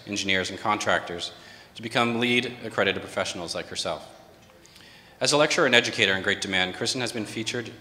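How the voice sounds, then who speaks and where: A company CEO hosting a panel event rapidly introduces the sponsor and reads the moderator's prepared bio. His fairly low voice is bright and forceful, with a little hiss or hum. The event space has long reverb and faint ambience.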